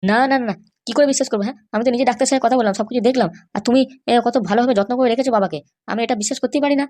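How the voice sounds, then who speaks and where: A woman voicing a hot-tempered young husband in a cartoon, threatening and shouting insults. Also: on the high side, racing, close to an everyday voice. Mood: resentful. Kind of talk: cartoon voice acting.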